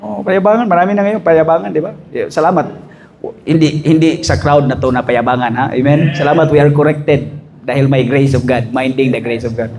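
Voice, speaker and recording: A man pastor preaching a conference sermon in a church, jokey and animated, mixing in English phrases and asking "amen?" often. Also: a little high, a little fast, a crowd in the background. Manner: mixes Tagalog with English phrases.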